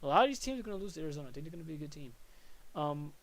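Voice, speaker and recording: A young man with a fairly high voice talks casually through a solo podcast. He rambles, thinks aloud and keeps correcting himself as he runs through football predictions. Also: expressive, very fast. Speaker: podcast host.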